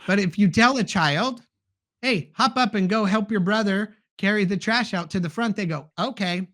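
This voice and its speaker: A man's voice: high voice, normal speed, a bit bright. A middle-aged man co-hosting a podcast, telling family stories in a casual chat and acting out the dialogue. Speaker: podcast co-host.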